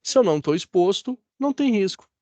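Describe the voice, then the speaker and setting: A Brazilian man gives a classroom lecture in a somewhat high voice. His speech is dry and close, with no room echo. He chats easily and keeps checking that the class follows him. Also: expressive, fast, a little mellow. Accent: Brazilian Portuguese. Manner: chatty, asks the class for agreement. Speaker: teacher.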